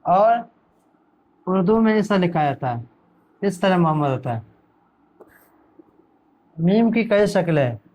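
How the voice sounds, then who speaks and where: A man's voice: high-pitched, animated, a little mellow, slight background noise, rough recording. A man teaching Quran reading letter by letter, asking his own questions and answering them, drawing out the letter names. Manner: drawls letter names very slowly. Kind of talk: letter-by-letter lesson.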